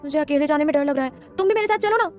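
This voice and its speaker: A woman voicing a frightened, childish young woman who pleads in a high, shrill voice. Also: rapid-fire, faint music behind, lightly acted. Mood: pleading.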